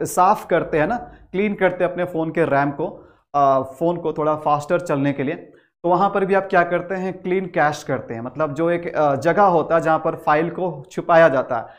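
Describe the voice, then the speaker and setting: A man with a high voice gives an English vocabulary lesson. He keeps asking rhetorical questions and answers them himself. He reads the English definitions slowly and with care. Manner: repetitive, asks the class questions and answers them; mixes Hindi with English words and definitions. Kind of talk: explanatory lesson.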